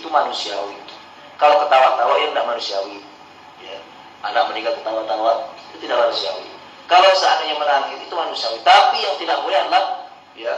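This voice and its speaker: A man's voice: a bit bright, roomy sound, recorded from a distance, slight background noise, low-quality recording. A man preaching a pre-dawn sermon in a mosque. He asks the listeners questions and then answers them himself. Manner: acts out tempted or grieving people in a low murmur.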